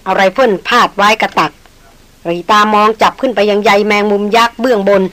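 A woman narrating a novel as an audiobook in a steady, measured way. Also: mid-range voice, dry recording, rough recording. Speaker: audiobook reader.

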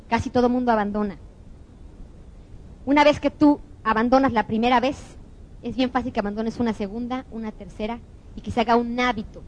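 A woman's voice: on the high side, low-quality recording. A woman giving an earnest motivational talk to an audience and telling stories. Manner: earnest, tells stories acting out the people in them. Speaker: motivational speaker.

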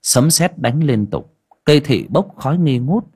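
A man narrating an audiobook story in an expressive storytelling manner. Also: medium pitch, unhurried, breathy edge.

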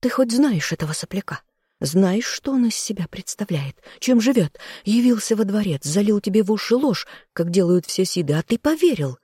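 An audiobook reader voicing a furious, spiteful noblewoman, the king's sister, who scolds in sharp outbursts. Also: expressive, breathy edge, no echo. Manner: shrill, scolding, quick outbursts. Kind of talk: audiobook role reading.

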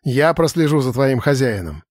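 A man's voice: medium pitch, very animated, normal speed, a little mellow, no echo, studio quality. A man voicing a cheerful, easygoing male mage who speaks with amusement in an audiobook. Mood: amused. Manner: jovial, amused. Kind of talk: audiobook character voice.

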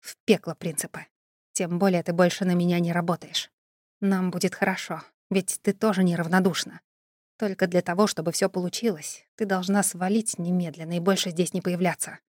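A woman narrating an audiobook in an even, first-person storytelling manner. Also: lowish voice, a little fast, no room sound, clean studio sound.

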